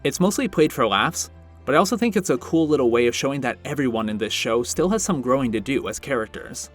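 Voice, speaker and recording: A man's voice: mid-range voice, animated, fast, faint music behind. Earnest male video essayist. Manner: earnest, reflective and self-deprecating. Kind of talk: scripted commentary.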